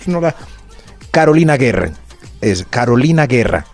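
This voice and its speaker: A man's voice: medium pitch, normal speed, creaky. A man co-hosting a radio show, teasing and joking in casual banter. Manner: playful, teasing, animated. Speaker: radio co-host. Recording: faint music behind.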